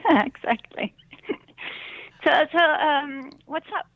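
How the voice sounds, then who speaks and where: A middle-aged woman calling in over the phone, talking in a hesitant, halting way and laughing often. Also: high-pitched, dry recording. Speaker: caller. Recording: dull phone line, dry.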